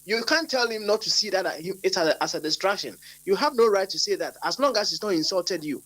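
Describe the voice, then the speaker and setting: A man with a high-pitched voice, stepping into a heated discussion. He pleads to be let finish and repeats words to hold the floor. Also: lively intonation, brisk, a bit bright.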